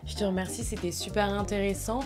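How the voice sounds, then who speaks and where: A woman from France hosting a podcast in a casual interview chat, full of quick agreeing backchannels. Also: medium pitch, little pitch movement, over music. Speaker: podcast host.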